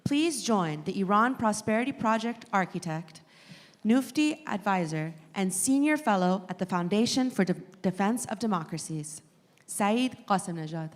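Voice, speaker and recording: A woman's voice: mid-range voice, animated, moderate pace. A woman making a scripted stage announcement as a conference announcer, introducing the next presenter. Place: conference hall. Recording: reverberant hall PA.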